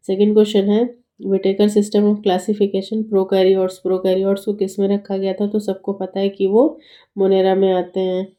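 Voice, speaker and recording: A hoarse woman with a cold leads an exam-prep lesson, her voice dark and mellow. She talks in a steady, flat tone, chatty and reassuring as she explains each point. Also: mid-range voice, poor audio. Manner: mixes English terms into explanation, chatty and reassuring. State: hoarse from a cold and sore throat. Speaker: teacher.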